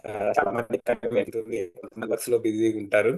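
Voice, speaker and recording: A man hosting an online workshop, his voice breaking up over a bad internet connection, with a halting, stop-start delivery. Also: on the low side, little pitch movement, darkish tone, no room sound. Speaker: workshop host. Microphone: video call. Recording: muffled, distant online call audio.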